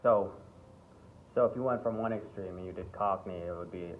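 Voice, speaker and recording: A man teaching an acting workshop in a relaxed way. He often repeats himself and checks in with "okay?" and "right?". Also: low voice, moderate pace. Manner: breaks into playful accent demonstrations. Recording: tinny phone-like sound with faint background hiss.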